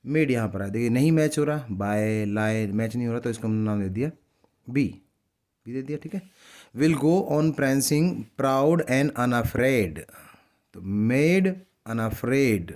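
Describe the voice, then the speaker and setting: Male teacher, warm and mellow, patient and repetitive, reads verse slowly. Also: mid-range voice. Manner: patient, repetitive, step-by-step explaining; reads English poem lines slowly and drawn-out. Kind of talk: explaining a lesson in Hindi.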